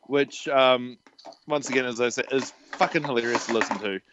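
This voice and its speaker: A man's voice: medium pitch, fairly quick. A man with a New Zealand accent, co-hosting a podcast in casual chat, laughing often and swearing freely. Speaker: podcast co-host. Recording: dull lo-fi sound with faint noise.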